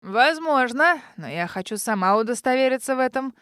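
A woman reading an audiobook, voicing a lively, bossy old witch grandmother who talks loudly and brashly. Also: high voice, fairly quick, clear, resonant tone, no room sound, clean studio sound. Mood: brash, merry. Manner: loud, laughing and brash. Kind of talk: audiobook character voice.

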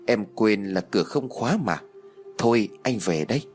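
A man voicing a calm, evasive young man. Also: lowish voice, normal speed, soft background music, lightly acted. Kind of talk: audio story reading.

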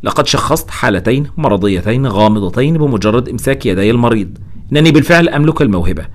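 An icy, self-assured woman doctor, as a male reader puts her on. Her lines come cold and firm, quick, with pitch that still moves a lot. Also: expressive, close to an everyday voice.

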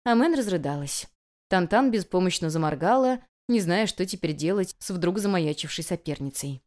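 Brief: woman narrator, first-person storybook, calm and gently amused, lively pitch. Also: moderate pace. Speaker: audiobook narrator.

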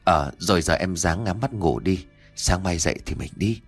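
A man voicing a skeptical but patient young husband in an audio story, speaking calmly and reassuringly. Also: deep voice, normal speed, breathy edge, faint music behind, pitched below the performer's own voice, heavily acted.

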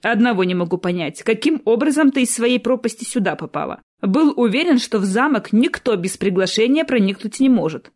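A woman voicing a handsome man of about thirty with a dry, ironic and unhurried manner, in an audiobook. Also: a little high, lively intonation, a little mellow. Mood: musing.

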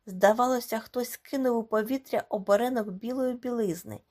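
A woman reading a short story aloud as audiobook narration, expressive and dramatic. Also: fairly high pitch, moderate pace. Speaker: audiobook reader. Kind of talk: scripted narration.

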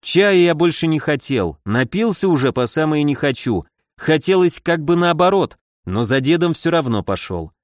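A man reading a first-person story aloud as an audiobook narrator, with a wry, brisk manner. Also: fairly high pitch, big pitch swings, no room sound, clean studio sound.

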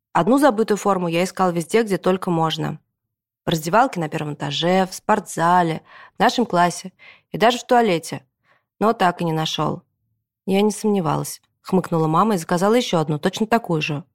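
A woman narrating a children's book in the first person as a boy, with lively storytelling. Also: fairly low pitch. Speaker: audiobook narrator.

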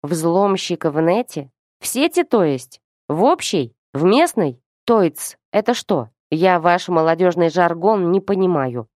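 A woman reading a story who voices a suspicious old man interrogating two youngsters in a curt, sharp manner. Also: fairly low pitch, very animated, a little slow, dry recording, clean studio sound.

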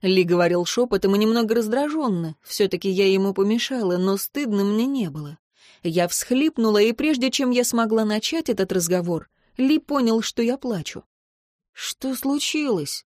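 A woman's voice: medium pitch, expressive, moderate pace, a little mellow, no room sound, studio quality. Woman reading a heartfelt audiobook. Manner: emotional, intimate reading. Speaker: audiobook narrator. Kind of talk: first-person audiobook narration.

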